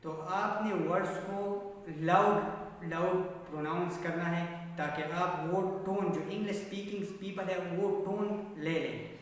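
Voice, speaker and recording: A man, earnestly explaining a book's lessons as a self-improvement vlogger, repeating and rephrasing his points. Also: fairly high pitch. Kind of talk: casual talking-head book summary. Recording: very echoey room, far from the mic, faint hiss.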